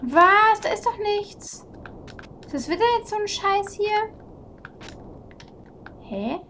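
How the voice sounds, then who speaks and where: Excitable high-voiced woman gamer. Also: takes it slowly, a little hiss or hum. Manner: excitable, swears and shrieks in frustration. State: out of breath. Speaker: let's play gamer. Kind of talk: live game commentary.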